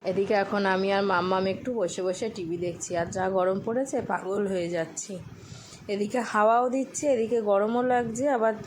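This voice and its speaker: A young woman chats straight to her viewers while she cooks and cleans, moving quickly from one aside to the next. Her voice sits at an average pitch. It is caught on a phone in a home kitchen, with steady household noise behind her. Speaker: homemaker vlogger. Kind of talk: casual cooking and chores vlog. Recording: noisy home recording.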